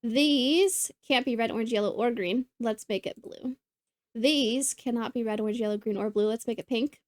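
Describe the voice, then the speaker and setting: A woman's voice: fairly high pitch, moderate pace, no room sound, studio quality. Musing woman solving a puzzle aloud. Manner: musing, hesitant, with frequent ums and maybes. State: a little out of breath. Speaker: puzzle video host.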